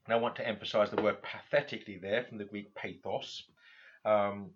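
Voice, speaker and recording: A man giving a literature lecture, halting often with fillers and restarts. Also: on the low side, steady tone, muffled recording.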